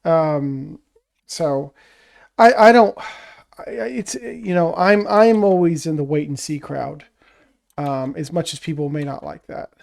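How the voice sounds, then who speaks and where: A man co-hosting a podcast, talking casually about a tabletop wargame in a measured, hesitant way with frequent restarts. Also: a little high, creaky, darkish tone. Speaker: podcast co-host.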